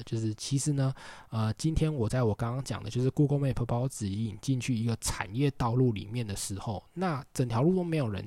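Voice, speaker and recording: Casual young guy with a Taiwanese Mandarin accent, mid-pitched voice, dry close sound, rambling vlog storyteller. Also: darkish tone, dry recording. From Tainan, Taiwan. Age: young adult. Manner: chatty, rambling with filler words and asides. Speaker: vlogger on a walking trip around the island.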